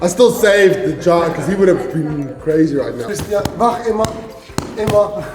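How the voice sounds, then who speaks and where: Excited jokey dad in a roomy hall. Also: male voice, high voice, measured pace, noisy background. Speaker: parent filming his kids. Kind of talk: casual chat.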